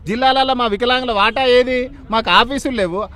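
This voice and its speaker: Fiery fast-talking Telangana man. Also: very high-pitched. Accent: Telangana Telugu. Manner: angry, defiant, shouting accusations. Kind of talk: street interview.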